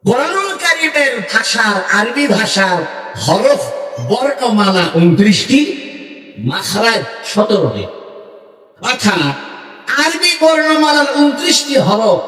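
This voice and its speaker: A man preaching at a clerics' conference, his high voice leaping about as he piles up lists and rises to loud declarations. He is heard from some distance, through heavy echo and a long hall reverb. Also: sing-song, slow pace. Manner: emphatic, building lists, rising to loud declarations. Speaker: Islamic scholar speaking at a clerics' conference. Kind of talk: Bengali religious speech to a crowd. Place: large hall or outdoor stage with PA.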